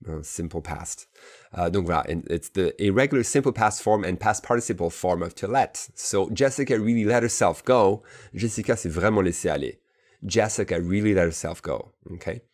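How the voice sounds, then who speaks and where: Deep-voiced male teacher, bilingual lesson, casual and repetitive delivery, checks in often. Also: darkish tone. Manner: explains in French, models English phrases slowly and repeats them; casual asides with frequent "d'accord?" checks. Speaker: English teacher.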